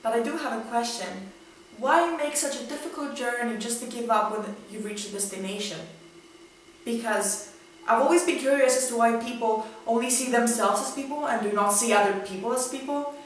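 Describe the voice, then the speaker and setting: A woman's voice: on the high side, moderate pace, a little hiss or hum. A young woman in her twenties performing a spoken word poem with a dramatic, rhythmic delivery that swells into emphasis, recorded indoors in a small room on a camera mic. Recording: very echoey room, voice far from the mic.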